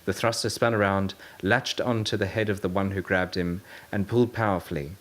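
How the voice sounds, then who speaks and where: A man narrating an audiobook story in a steady, measured way. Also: low voice. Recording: narration over loud music.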